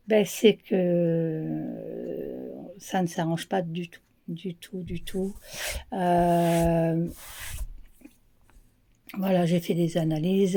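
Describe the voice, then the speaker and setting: Tired woman with a cracked, mellow voice. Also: fairly low pitch. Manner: halting, drops to a whisper when showing items. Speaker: vlogger. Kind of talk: casual vlog chat to camera. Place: her dressing room, indoors. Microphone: handheld phone camera with ring light.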